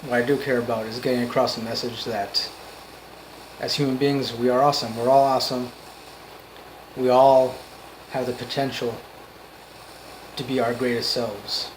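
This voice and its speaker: Halting, emphatic man in a noisy recording. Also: medium pitch, flat delivery. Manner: earnest, emphatic, halting phrasing with repetition for emphasis. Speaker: amateur motivational speaker. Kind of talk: off-the-cuff motivational monologue.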